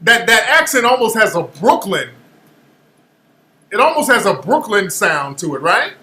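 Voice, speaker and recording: A male host with a high, bright voice fires back at a clip he is playing, incredulous and challenging. He is recorded in an echoey room. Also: sing-song, unhurried. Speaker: show host. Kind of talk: commentary reacting to a played clip.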